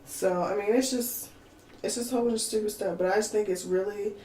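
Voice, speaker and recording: A woman co-hosting a podcast, ranting in casual chat with an exasperated, animated manner and lots of fillers. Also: mid-range voice, quick pace. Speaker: podcast co-host. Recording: echoey room with faint noise.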